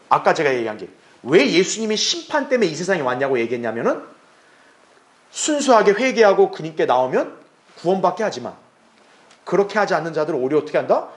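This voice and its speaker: A male pastor giving an expository Bible lesson, asking rhetorical questions, answering them himself, and acting out quoted lines. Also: fairly high pitch. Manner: acts out quoted speech in lively voices.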